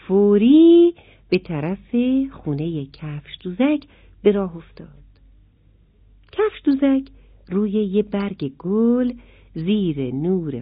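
Woman telling a children's story. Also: mid-range voice. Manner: animated, addressing children directly. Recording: dry, phone-like sound.

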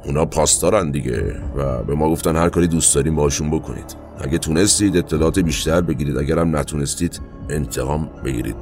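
A man narrating his own past in a colloquial, halting way, with asides and trailing fillers, over faint background music. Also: very deep voice. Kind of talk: first-person spoken recollection.

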